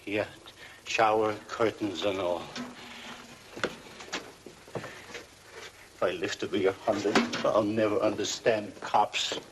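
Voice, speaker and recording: A wry jail informant in an old crime drama. He talks slowly in sly slang, fairly low. Clear noise runs behind the voice. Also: level tone. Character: male jail informant, wry, cadging cigarettes.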